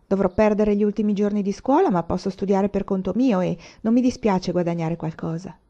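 A woman voicing an eager, willing teenage pioneer girl who speaks in a lively way. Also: medium pitch, brisk, lightly acted. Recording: muffled lo-fi recording.

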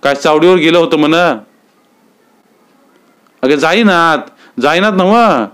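A man voicing a village wife who talks in a hushed, muffled way, full of urgent gossip. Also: fairly high pitch, unhurried, clear, resonant tone, pitched above the performer's own voice. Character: village wife whispering gossip behind her sari.

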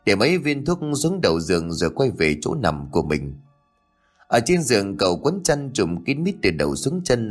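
A man narrating a scripted horror story in an expressive storytelling way. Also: on the low side, breathy edge.

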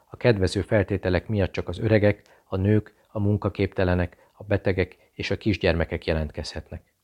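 A man reading a novel aloud as an audiobook narrator, in a steady, measured delivery. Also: low-pitched.

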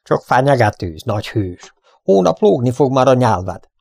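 A man's voice: medium pitch, gravelly, no room sound, studio quality, voice pushed up, close to an everyday voice. A man doing a gloating cruel bandit. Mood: threatening. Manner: mocking, gloating. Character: smug, cruel male bandit.

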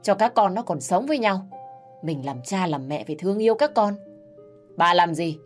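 A woman's voice: fairly low pitch, animated, normal speed, soft background music, close to an everyday voice. A woman voicing a stern, fair-minded older father-in-law who reprimands his wife. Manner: firm, reproving.

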